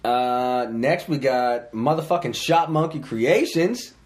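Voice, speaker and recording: A man's voice: mid-range voice, animated, takes it slowly. A man with a Boston accent, co-hosting a profane livestream podcast in a rowdy, laughing manner. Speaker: podcast co-host and tattoo artist. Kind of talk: casual profane livestream chat.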